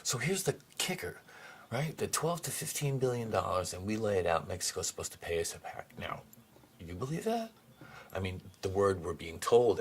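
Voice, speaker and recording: A man hosting a solo political commentary podcast, sarcastic and profane, firing off mocking rhetorical questions and jumping from muttered asides to sudden high outbursts. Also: fairly bright tone, slight background noise. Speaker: podcast host.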